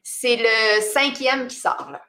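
A middle-aged woman with a Québécois accent, a singer-songwriter chatting casually in an interview, animated and self-mocking, often laughing. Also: on the high side, slow. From Quebec.

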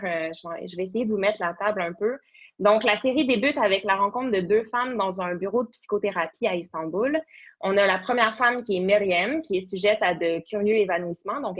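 A woman's voice: mid-range voice, highs cut off. A young woman, a podcast guest who explains eagerly, with many fillers and restarts. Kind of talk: podcast interview.

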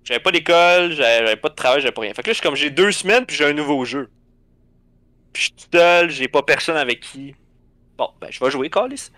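A man with a Québécois accent telling an animated story in casual chat, swearing often and acting out the scenes. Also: on the high side, fast talker, no echo. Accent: Québécois French.

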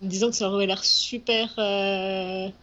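A woman's voice: medium pitch, flat delivery, normal speed, fairly bright tone. French woman chatting, slightly muffled recording. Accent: French from France. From southwest France. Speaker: interview guest, animator. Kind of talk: casual interview chat. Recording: muffled, faint background noise.

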